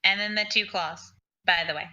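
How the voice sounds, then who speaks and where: A woman playing a tabletop game, chatty, with quick asides. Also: medium pitch, fairly even intonation, bright, forceful tone. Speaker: player. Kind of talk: casual tabletop play.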